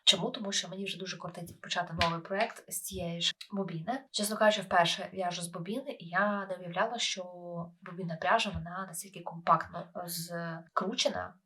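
Ukrainian woman vlogger, a bit under the weather, low-pitched, relaxed chatty delivery. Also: a little fast, few pauses. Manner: relaxed, chatty, with many filler hesitations. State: slightly ill, voice affected. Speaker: knitting vlogger. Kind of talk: casual vlog talk.

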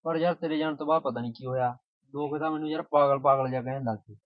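A man's voice: medium pitch, fairly even intonation, very fast, no room sound, lightly acted. A man playing a lovesick young village guy. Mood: grieving. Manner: mournful and pleading, dropping his voice. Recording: tinny phone-like sound.

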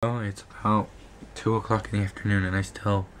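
A man in his twenties with a hoarse, lost voice that breaks into whisper, chatting casually to a vlog camera in a small bedroom. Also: on the low side, flat delivery, brisk, slight background noise. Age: 20s. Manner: weak on-and-off voice dropping to whisper. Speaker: vlogger.

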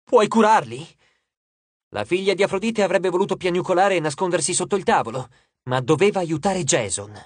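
A man reading an audiobook aloud in an expressive, steady narration. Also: high voice, fast talker, dry recording. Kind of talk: scripted narration.

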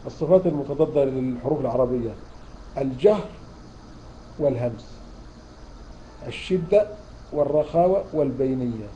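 Fast-talking Egyptian man teaching. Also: medium pitch, dark tone, muffled recording, slight background noise. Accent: Egyptian Arabic. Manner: explains in a questioning, repeating style. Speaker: Quran recitation teacher. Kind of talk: online tajweed lecture.

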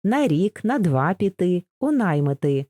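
An old Cossack father speaking in a homely, instructive way, read by a woman. The voice sits low and mellow, close and dry, with no room around it. It sounds like a storybook audiobook. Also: very animated, unhurried, dry recording. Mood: advising. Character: old male Cossack father, wise and steady.

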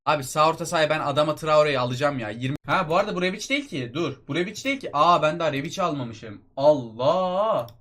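A young man rattles off excitable commentary as he plays a mobile football game, addressing his viewers like old friends. His delivery is rapid and restless, and his voice sits a little high.

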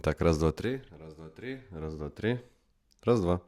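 A man's voice: low-pitched, expressive, unhurried, darkish tone. A man talking casually to camera at home, rambling and thinking aloud while he counts into a clip-on microphone he is testing. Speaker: vlogger. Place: at home, later in a kitchen. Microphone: clip-on microphone under test.

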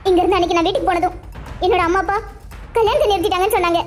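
A hurt young woman in a cartoon, her replies soft, choked and hesitant, as a woman voices her. The voice sits very high and the lines come quickly. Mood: tearful. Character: young woman, torn and tearful over love. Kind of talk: Tamil cartoon dub.

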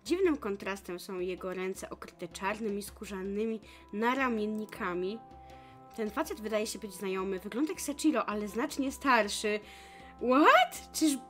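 A young woman reading a visual novel aloud as narration, breaking off into excitable, gushing reactions with laughing asides. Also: medium pitch, moderate pace, faint music behind. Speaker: let's play streamer.

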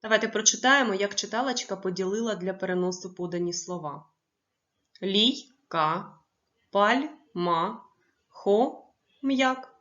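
Woman, primary school teacher, slow clear dictation, slightly dull recording. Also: mid-range voice, fairly bright tone. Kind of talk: classroom lesson for young pupils.

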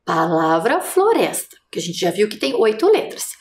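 A woman teacher with a Brazilian Portuguese accent leads a first-grade class on television, prompting young children slowly and patiently. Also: mid-range voice, big pitch swings, roomy sound. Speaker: primary school teacher.

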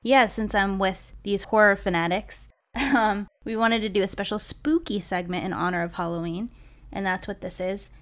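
A woman's voice: mid-range voice, steady tone, normal speed. Chatty young woman podcast host. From Massachusetts. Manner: chatty, giggly, reads facts from notes. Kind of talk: casual podcast chat and reading aloud.

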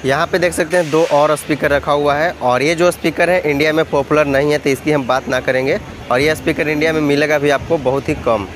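A man vlogging through an expo hall, listing models and prices in a steady, repetitive way. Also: a little high, fairly quick, hardly any pauses. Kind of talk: walkthrough vlog listing prices. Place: busy indoor trade expo hall. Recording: noisy expo hall phone recording.

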